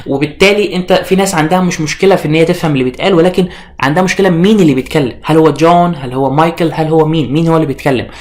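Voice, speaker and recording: Speaking with a pitch on the high side, this young Egyptian man presents himself as an IELTS instructor opening an online course. His Arabic is sprinkled with English terms, and he frequently stumbles into fillers and starts over.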